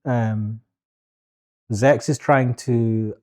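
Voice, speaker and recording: A man's voice: mid-range voice, fairly even intonation, very slow, a little mellow. A man co-hosting a podcast in casual chat, swearing freely and talking over his partner. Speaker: podcast co-host.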